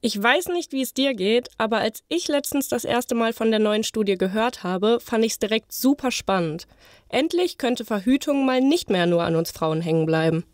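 A woman's voice: fairly high pitch, lively intonation, normal speed, dry recording, studio quality. Young woman reading a podcast script. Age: young adult. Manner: clear, read-from-script delivery. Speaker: podcast co-host, journalism student.

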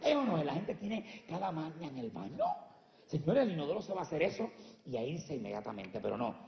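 A man's voice: a little high, sing-song, a little fast, vocal fry, reverberant, long reverb tail, highs cut off. A man from Puerto Rico with a Puerto Rican accent doing brash, profane stand-up comedy before a live audience, teasing the crowd. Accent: Puerto Rican Spanish.

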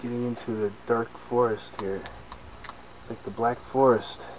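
A man's voice: mid-range voice, little pitch movement, measured pace. Joking man hiking with a camcorder. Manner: playful mock-dramatic asides. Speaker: hiker filming a trail. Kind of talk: jokey handheld hiking commentary. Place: outdoors on a forest trail. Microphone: handheld camcorder mic. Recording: noisy outdoor camcorder audio.

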